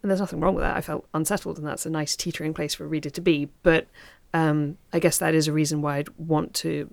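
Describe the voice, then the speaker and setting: A woman's voice: low voice, level tone, fast, creaky, a little mellow, dry recording. A woman from Australia, an author on a podcast, speaking reflectively and searching for her words. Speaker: author guest. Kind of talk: literary discussion.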